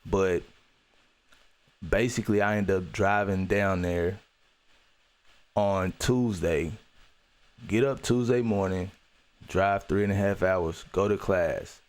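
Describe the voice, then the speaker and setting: A man's voice: sits low, steady tone, slow pace, pauses often. A man hosting a podcast, telling a personal story in an earnest, reflective way. He talks loosely with fillers and restarts and repeats key phrases for emphasis. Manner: loose, with many "you know" fillers and restarts. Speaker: podcast host.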